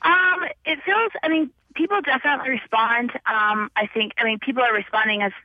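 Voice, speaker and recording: A woman's voice: fairly high pitch, fairly quick, dry recording. Lady caller on a phone line, kinda muffled and dry, lots of ums, chatty and unsure. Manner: hesitant, many ums. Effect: heard over the phone. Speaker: radio call-in caller. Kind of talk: casual call-in chat.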